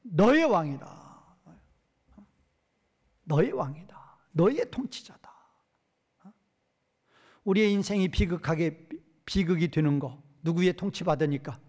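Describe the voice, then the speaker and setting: A male pastor giving an expository Bible lecture, posing questions to his hearers and answering them himself, reading verses slowly. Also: a little high, expressive, a little mellow. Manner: reads verses slowly and drawn out.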